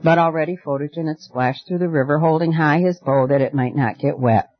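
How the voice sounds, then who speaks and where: A man reading a storybook aloud in a measured, expressive way. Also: fairly high pitch, soft background music. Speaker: audiobook narrator. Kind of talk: scripted storybook narration. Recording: dry, dull lo-fi recording.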